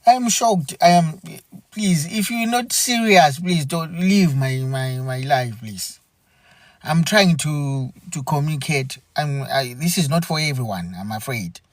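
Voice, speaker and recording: A man hosting a live stream, speaking in an earnest, halting way and often repeating himself. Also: on the high side, expressive, no echo. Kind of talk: unscripted live commentary.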